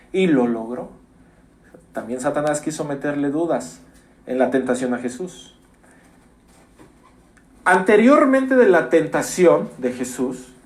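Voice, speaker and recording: A man preaching a sermon as pastor, emphatic, repeating phrases and rising suddenly to loud stresses. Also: a little high. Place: church.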